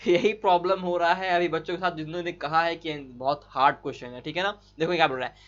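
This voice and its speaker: A man tutoring biology for an entry exam, rushing through solutions in a chatty, coaxing way with frequent tag questions to his students. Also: a little high, fairly even intonation, a bit bright, lo-fi sound. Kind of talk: fast online exam-solution lesson.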